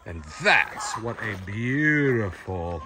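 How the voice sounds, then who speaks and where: A man's voice: on the low side, expressive, slow. A man in his fifties filming an enthusiastic, folksy farm vlog outdoors by a chicken pen, explaining as he goes into a phone held at arm's length. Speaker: farm vlogger. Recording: faint outdoor noise with chickens clucking.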